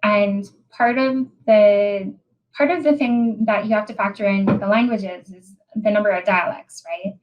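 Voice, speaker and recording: A presenter from Hawaii with a Hawaiian accent gives a technical webinar talk over a video call, pausing often and repeating words as she explains. Her mid-range voice holds a steady tone, and the audio sounds dull.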